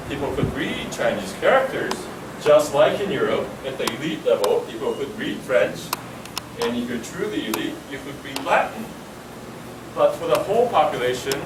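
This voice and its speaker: A man giving a university lecture in a measured, emphatic way, building points through lists. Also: medium pitch. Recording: echoey room, distant mic, air conditioning hum.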